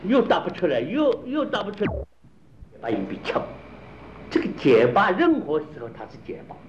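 A man's voice: high voice, huge pitch swings, moderate pace. A man explaining a problem, repeatedly quizzing his listeners with rhetorical questions. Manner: rhetorical questions, drilling points. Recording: dull lo-fi recording with faint noise.

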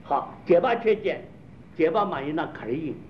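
Speaking at a normal pace with an animated voice on the high side, a man explains a problem and repeatedly tests his listeners with rhetorical questions to drill his points. The recording sounds dull and lo-fi, with faint noise.

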